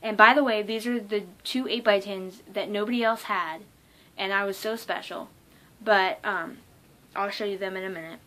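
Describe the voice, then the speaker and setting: A young woman telling a casual vlog story, excited and rambling, with lots of ums and likes. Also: mid-range voice, normal speed. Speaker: vlogger.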